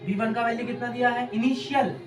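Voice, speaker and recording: A woman's voice: fairly high pitch, fairly even intonation, brisk. A woman chemistry teacher giving an exam-prep lecture, asking questions and answering them herself while repeating key terms. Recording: echoey room, distant mic, background music.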